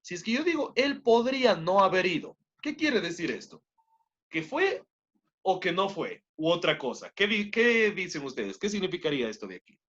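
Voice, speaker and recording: A man's voice: sits high, sing-song, normal speed, fairly bright tone. A man teaching an online class, explaining a point step by step and often checking in with his students by asking questions. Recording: dull lo-fi online class audio.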